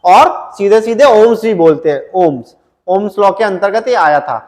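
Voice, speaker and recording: A man teaching an exam-prep science lecture, repeating key points and reading English definitions slowly, word by word. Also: high voice, animated. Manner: repetitive, drilling, frequent "ठीक है" check-ins. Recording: long echo in a reverberant room.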